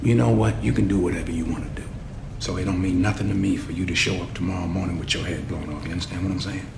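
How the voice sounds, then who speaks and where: A proud gangster boss in a crime film, with a low, gravelly voice. He talks cocky and streetwise, with defiant menace, in an echoey room over background music. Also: steady tone, quick pace, background noise. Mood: bitter, menacing. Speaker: crime boss under interrogation. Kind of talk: film drama acting.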